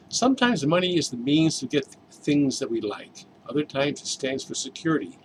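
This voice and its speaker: A man preaching a sermon in a measured, explanatory way, stressing key words as he teaches. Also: mid-range voice, background noise.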